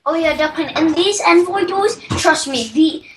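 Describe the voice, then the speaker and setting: A woman's voice: extremely high pitch, measured pace. A young woman chatting eagerly with her co-player during a game. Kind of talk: casual gameplay chat. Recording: distant mic with noise.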